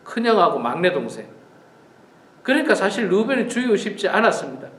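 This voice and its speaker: High-voiced man preaching earnestly. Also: big pitch swings, fast, fairly bright tone, reverberant. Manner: earnest, repetitive, emphatic preaching. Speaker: pastor. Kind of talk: morning prayer sermon.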